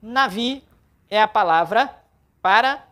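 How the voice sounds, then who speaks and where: A woman's voice: mid-range voice, animated, slow pace, fairly bright tone. A woman with a Brazilian Portuguese accent teaching a Biblical Hebrew class, spelling out syllables and repeating words aloud for practice. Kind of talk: classroom lesson.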